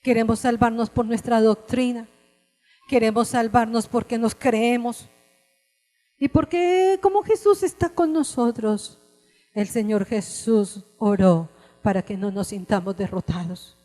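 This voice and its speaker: A woman preaching a sermon with passion, rising to cries and dropping to hushed tones. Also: a little high, a little slow, long reverb tail, faint music behind. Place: church service.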